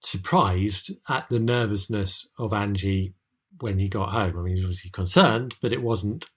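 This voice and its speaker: A man's voice: lowish voice, moderate pace, a little hiss or hum. A man from England co-hosting a podcast, speaking hesitantly and repeating words as he talks. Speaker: podcast co-host. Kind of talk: casual chat.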